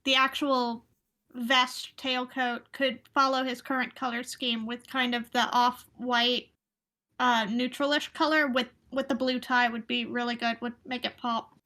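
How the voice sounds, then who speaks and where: A woman at a tabletop game, thinking aloud with hesitant pauses. Her voice is bright and fairly high, with little rise and fall. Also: little pitch movement. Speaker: player.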